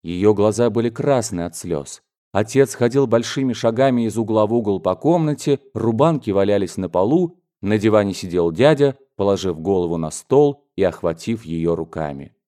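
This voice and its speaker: Man, audiobook narrator, classic novel, low voice, mellow tone, steady dramatic reading. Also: moderate pace. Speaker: audiobook reader.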